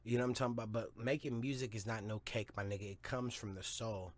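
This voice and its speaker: Brief: guy, low voice, swears constantly, rambles and repeats himself as a casual podcast host. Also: fairly even intonation, fast. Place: home studio or car, smoking a blunt.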